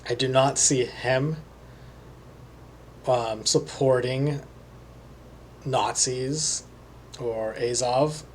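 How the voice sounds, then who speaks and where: Guy doing a psychic reading video, talks slow w lots of ums, mid pitch. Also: fairly even intonation, slight background noise. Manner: slow, hesitant, many pauses and fillers. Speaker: psychic reader. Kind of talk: solo monologue.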